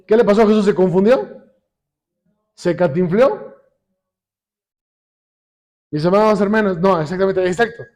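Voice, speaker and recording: A man teaching a Bible lesson to a congregation, often pausing to quiz them with call-and-response questions and slowing down when he quotes scripture. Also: sits high, darkish tone. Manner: slows down when quoting scripture. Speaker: church teacher. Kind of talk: sermon-style Bible lesson.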